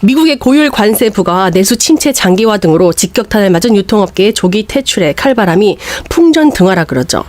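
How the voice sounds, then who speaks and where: A middle-aged woman hosting a podcast, casually and animatedly retelling a drama story, often clearing her throat. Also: medium pitch, sing-song, brisk, few pauses, darkish tone, no room sound. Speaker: podcast host.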